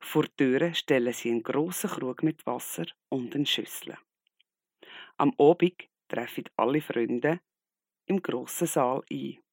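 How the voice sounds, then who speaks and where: A man telling a Bible story to children in a calm way. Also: medium pitch, unhurried, creaky, no room sound, clean studio sound.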